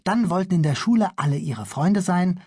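A man reading a children's audiobook aloud in a playful, expressive way. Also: sits high, moderate pace, breathy edge, no echo, studio quality. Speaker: audiobook narrator.

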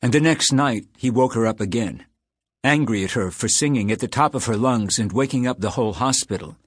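A male audiobook narrator telling a literary novel in a measured, even way at a mid pitch. His voice is husky with a slight breathiness, and the recording is dry and close. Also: dry recording. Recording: dry close studio sound.

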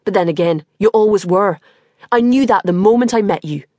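A woman's voice: a little high, animated, normal speed, no echo. A woman voicing a furious, sneering man, a bitter ex-partner in an audiobook scene. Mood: contemptuous. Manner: sneering, contemptuous.

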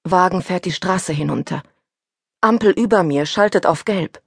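A woman reading a first-person suspense audiobook aloud, with a husky voice that turns tense and breathless in the panic passages. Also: fairly low pitch, moderate pace, no echo, clean studio sound. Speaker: audiobook narrator. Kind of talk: scripted first-person narration.

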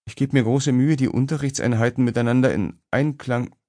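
A man's voice: medium pitch, fairly quick, dark tone, pitched above the performer's own voice, close to an everyday voice. Man putting on a teasing young woman's voice. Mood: evasive. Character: young woman, ballet dancer, teasing and bubbly. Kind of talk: audiobook character voice.

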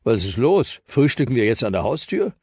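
A man voicing a gentle, good-humored father in a children's audiobook. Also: mid-range voice, big pitch swings, moderate pace, slightly rough, no room sound, studio quality, voice pushed up. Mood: amused. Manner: amused, gentle.

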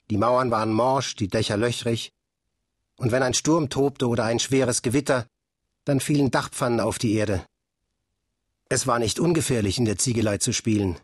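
A man reading a children's story aloud in a calm, measured storytelling manner. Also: medium pitch, breathy edge, no echo, clean studio sound. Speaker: audiobook narrator. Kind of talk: scripted audiobook narration.

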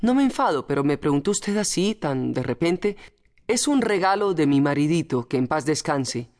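A woman's voice: deep voice, very animated, normal speed, darkish tone. A woman voicing a timid, tearful working-class mother of about forty in an audiobook. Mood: flustered. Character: weary, fearful old working-class mother. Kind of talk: audiobook character voice.

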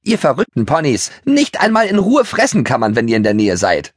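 A man's voice: wildly swooping pitch, fairly quick, husky, no room sound, clean studio sound. A man voicing a haughty old mare who nags shrilly, in a children's audiobook. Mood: scolding. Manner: shrill nagging.

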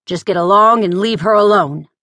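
A woman narrator voicing a stern frontier man who gives brisk, clipped orders. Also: mid-range voice, fairly bright tone, no room sound, lightly acted. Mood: commanding. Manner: clipped, commanding.

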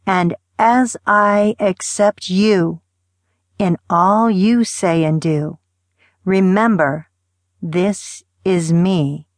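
A woman narrating an audiobook of love poems, reading in a soft, tender, unhurried way with gentle pauses. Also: on the low side, no echo. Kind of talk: poetry reading.

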